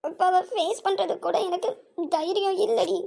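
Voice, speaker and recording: Woman voicing Thara, a high-pitched heartbroken young woman. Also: moderate pace, vocal fry, warm tone, heavily acted. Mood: grieving. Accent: Tamil. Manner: scornful, then sobbing and pleading. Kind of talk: cartoon dub acting.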